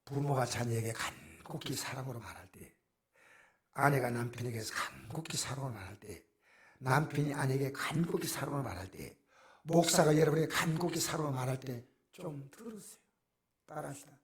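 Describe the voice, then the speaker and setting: A middle-aged male pastor, preaching a sermon that swings from hushed near-whispers to loud exclamations. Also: medium pitch, a little fast.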